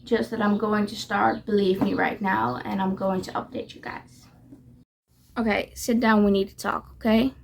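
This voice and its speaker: A woman's voice: medium pitch, steady tone, moderate pace, vocal fry, slight background noise. A woman chatting casually to her viewers in a reading vlog, gushing and repeating herself to reassure them. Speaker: book vlogger.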